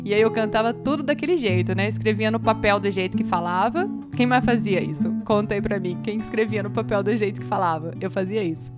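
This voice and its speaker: A woman's voice: medium pitch, fairly quick, hardly any pauses. A Brazilian woman in her forties with a Brazilian Portuguese accent, hosting a casual English lesson through music and talking straight to her viewers in a chatty, playful way. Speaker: English teacher and channel host.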